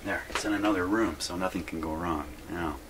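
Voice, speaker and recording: Musing aloud as he works at the bench, this radio repair video host rambles through his casual narration fairly quickly. His voice is low-pitched, and noise is clearly audible behind him in the home workshop.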